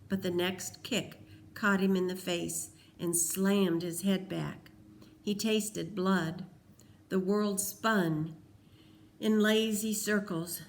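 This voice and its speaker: A woman reading a novel aloud, in a slow, deliberate storytelling manner. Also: medium pitch, low-quality recording. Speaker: audiobook reader.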